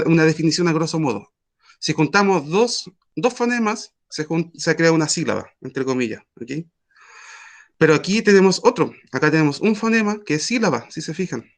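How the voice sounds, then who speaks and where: Man teaching an online class. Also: fairly high pitch. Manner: patient, explains with many pauses and fillers.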